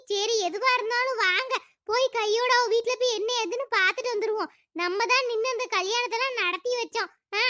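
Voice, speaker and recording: A chattering middle-aged village woman from a cartoon, put on by a voice actor, with a lilt. Her voice is sped-up, squeaky and extremely high, bright and sharp. It sits close and dry, with no room around it. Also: dry recording. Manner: bossy, rapid village gossip. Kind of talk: cartoon voice acting.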